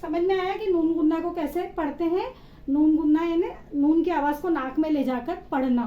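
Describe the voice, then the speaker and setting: At normal speed and in a very high voice, a woman teaches children to read step by step. She spells letters out patiently and answers the questions she poses, in a roomy, slightly dull recording with faint ambience.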